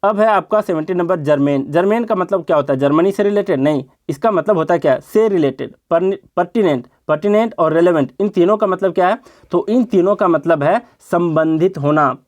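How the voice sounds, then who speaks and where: A man's voice: high voice, fast, few pauses, darkish tone. A man teaches vocabulary for competitive exams. He explains each word step by step, repeats terms and keeps asking his students rhetorical questions. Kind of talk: exam-prep vocabulary lesson.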